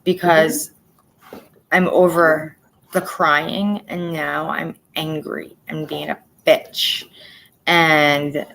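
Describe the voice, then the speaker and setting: Blunt, low-voiced woman venting. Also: level tone, very slow, gravelly, a bit bright, a little hiss or hum, rough recording. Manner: blunt and profane, venting frustration; plainspoken, repeats herself for emphasis. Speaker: vlogger. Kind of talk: emotional personal update.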